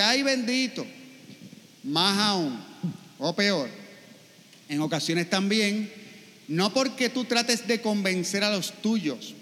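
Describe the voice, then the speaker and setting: Male priest, high voice, lively storytelling sermon, long church reverb. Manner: storytelling with acted quotes and rhetorical questions.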